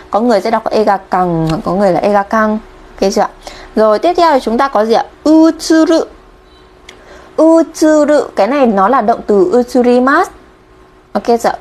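Chatty Vietnamese teacher on a livestream. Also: female voice, on the high side, darkish tone. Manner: chatty, keeps checking in with viewers. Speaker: Japanese teacher. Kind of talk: live-streamed kanji lesson.

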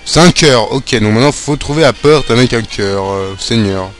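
Excitable young man commenting a game. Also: mid-range voice, normal speed, soft background music. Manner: excitable, swearing, shouts at the game. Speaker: let's play gamer.

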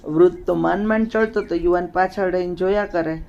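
A woman's voice: fairly low pitch, fairly even intonation, fairly quick, darkish tone. A woman storyteller narrating a moral story in a plain, homely way, in a muffled lo-fi recording.

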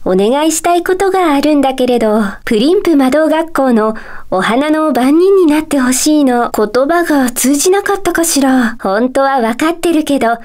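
A gentle female magic teacher from a puzzle video game speaks in a very high voice at normal speed, gently musing. Her soft, feminine phrasing is polite, courteous and composed, carrying a kindly manner with a calm air of mystery, as Japanese video game character dialogue.

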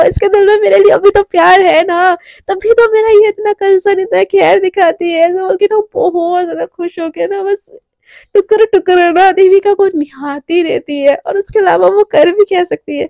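A woman's voice: very high-pitched, steady tone, moderate pace, vocal fry, darkish tone, no room sound. A woman narrating a romance story casually, chatty and full of fillers. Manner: chatty, with many fillers and restarts.

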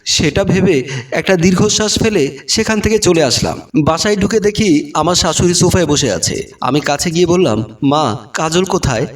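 High-voiced man telling a dramatic story. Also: expressive, a little fast, far from the mic. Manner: emotional, earnest. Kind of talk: dramatic first-person story narration.

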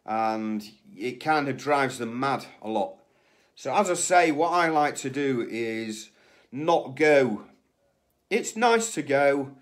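A man's voice: medium pitch, animated, slow. A man in his forties, seated indoors, giving casual rambling advice on a live stream, full of fillers and restarts, recorded on a phone at arm's length. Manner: rambling, frequent fillers and restarts, gestures with hands. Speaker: host of a live stream on flipping surplus goods. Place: small indoor room, sitting in an office chair. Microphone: phone camera at arm's length.

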